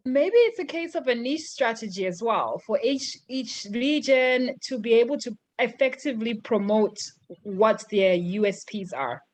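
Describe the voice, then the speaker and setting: A woman's voice: fairly high pitch, lively intonation, measured pace, low-quality recording. A woman marketer on a webinar panel who speaks thoughtfully, searching for words and hedging her points.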